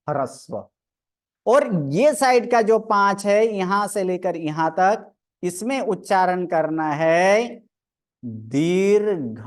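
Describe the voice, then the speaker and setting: A woman teaching a grammar lecture, methodically counting aloud and drilling each sound one by one. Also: mid-range voice. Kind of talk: online lecture.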